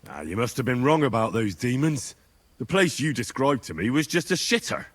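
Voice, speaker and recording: A man's voice: medium pitch, sing-song, normal speed, a little hiss or hum, natural voice. An actor playing a blunt, wry young male hero in a video game, dry and skeptical. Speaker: game protagonist.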